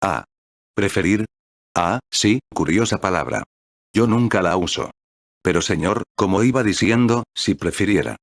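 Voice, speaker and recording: A man doing a fawning, overly polite storybook clerk, deep voice. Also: lively intonation, a little slow, no echo, studio quality, exaggerated voice. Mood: deferential. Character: obsequious, deferential older male clerk.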